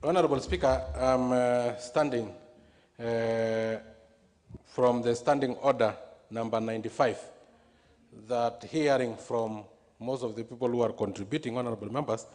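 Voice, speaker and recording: A man's voice: mid-range voice, steady tone, moderate pace, darkish tone. A man with a mid-range voice raises a formal procedural point as a member of parliament. His words carry a long echo from the big chamber. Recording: echoey large chamber.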